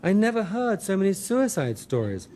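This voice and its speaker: A man's voice: high voice, sing-song, normal speed, mellow, slight background noise. Man wryly narrating his memoir. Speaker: author reading his memoir.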